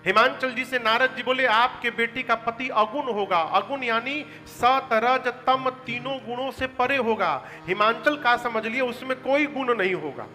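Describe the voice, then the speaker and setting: A man's voice: very high voice, a little slow, hardly any pauses, pushed and bright. A male katha preacher, telling devotional stories, quizzing his audience and chanting verses, on a stage mic in an echoey hall. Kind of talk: devotional storytelling sermon. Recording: echoey hall, faint music.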